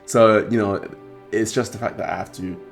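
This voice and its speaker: A man hosting a trading card game vlog, talking casually with many fillers and restarts, his voice croaky. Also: lowish voice, moderate pace, faint music behind. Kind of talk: casual talk to camera.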